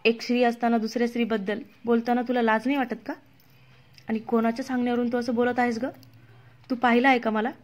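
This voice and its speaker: A woman's voice: fairly high pitch, level tone, normal speed, long pauses, darkish tone, lightly acted. A woman voicing a young divorced woman who answers accusations in an emotional, indignant way.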